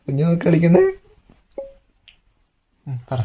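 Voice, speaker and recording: A man vlogging at home while pranking his wife, in a quick, teasing way. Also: on the high side, fairly even intonation, mellow, husky, dull audio. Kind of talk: casual home vlog, teasing.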